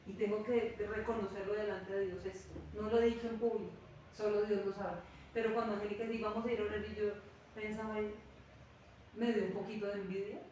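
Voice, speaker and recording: Her medium-pitched voice moving a little fast, a woman pastor leads a Bible class full of anecdotes, lively and acting out the words of the people in her stories. A distant mic in a very echoey room gives a dull sound with a faint hiss or hum.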